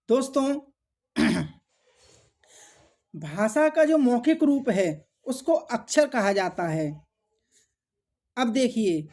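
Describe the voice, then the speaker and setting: Slow, high-voiced woman teaching grammar. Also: a little mellow. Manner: slow, repetitive, asks and answers own questions; addresses viewers as friends. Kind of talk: exam-prep grammar lesson.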